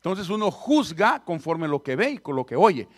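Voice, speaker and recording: A male pastor delivers a sermon in a church. He sits a little high for a man, and his pitch leaps and dives as he preaches. He swings from loud, hammering repetition down to hushed, low asides. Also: big pitch swings, moderate pace. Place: church sanctuary.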